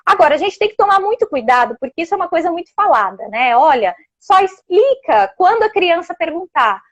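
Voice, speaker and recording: A woman with a Brazilian Portuguese accent, explaining sex education in a casual, animated way and often checking in with her listener. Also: extremely high pitch, a little fast, muffled recording. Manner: animated, explanatory, uses many tag questions. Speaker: sex education guest expert.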